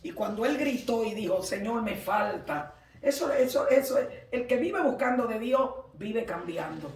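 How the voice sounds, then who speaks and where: A man's voice: very high-pitched, animated, normal speed. Guy preaching hard, emphatic sermon, echoey church, mic kinda far off. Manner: emphatic, fervent preaching that swells to shouts.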